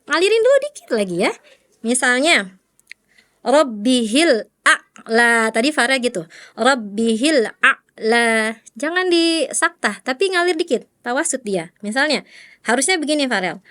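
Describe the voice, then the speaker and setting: A woman's voice: high-pitched, very animated, fairly quick, a bit bright. A woman Quran recitation teacher, patiently correcting a student and modelling letter sounds again and again. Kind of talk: one-on-one recitation feedback.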